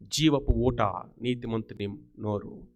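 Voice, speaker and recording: A man's voice: mid-range voice, slow. A man preaching a sermon, asking his listeners rhetorical questions and mixing English words into his talk.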